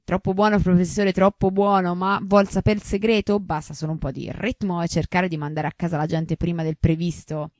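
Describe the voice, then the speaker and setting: A woman voicing a jovial, flattered male orchestra conductor in a read-aloud novel. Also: fairly low pitch, a little fast, hardly any pauses, no echo, lightly acted.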